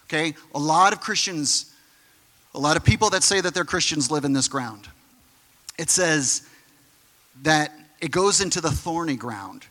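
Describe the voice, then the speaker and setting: A man preaching with a bright, forceful, fairly high voice. He talks in an animated, conversational way, full of quick asides. The sound rings with long reverb, as in a big hall. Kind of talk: sermon.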